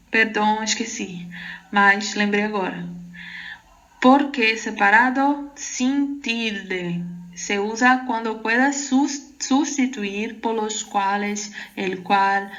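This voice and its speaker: Slow Brazilian woman teaching Spanish. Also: mid-range voice, fairly bright tone, muffled recording. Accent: Brazilian Portuguese. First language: Portuguese. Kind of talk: online exam-prep lesson.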